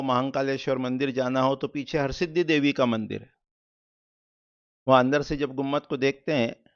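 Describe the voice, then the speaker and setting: Guy teaching a class, kinda higher voice, clear and smooth, muffled lo-fi sound, answers his own questions. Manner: explains step by step, asks and answers own questions. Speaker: vastu teacher. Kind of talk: explanatory lecture. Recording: muffled lo-fi recording.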